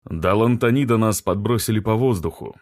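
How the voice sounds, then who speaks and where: Man reading a gentle, polite physicist. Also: lowish voice, normal speed, no room sound, clean studio sound, close to an everyday voice. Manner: gentle, courteous. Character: soft-spoken polite male physicist.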